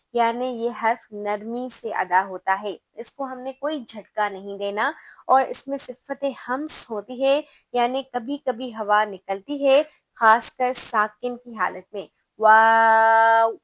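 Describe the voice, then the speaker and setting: Woman, tajweed teacher, patient, explanatory, fairly high voice, dry close sound. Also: no room sound. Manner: patient, explanatory, slow drawn-out sound demos. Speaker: Quran recitation teacher. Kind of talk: tajweed lesson.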